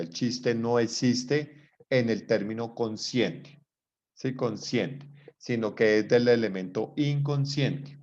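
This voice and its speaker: A man's voice: medium pitch, darkish tone. Man lecturing over a dull video call. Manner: explanatory, checks in with listeners often. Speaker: lecturer in psychology. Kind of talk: online lecture.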